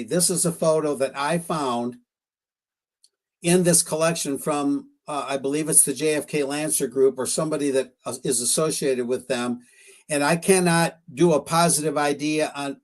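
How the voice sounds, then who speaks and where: A man on a live-streamed talk show, carefully and speculatively walking through photos, often hedging his claims. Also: a little high. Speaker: guest researcher discussing photos.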